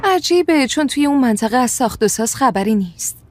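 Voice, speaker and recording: A woman's voice: high voice, expressive, darkish tone, slight background noise. A woman dubbing a film role: a worn-down wife and mother, blunt and fed up, pressing with pointed questions. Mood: probing. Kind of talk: dubbed film dialogue.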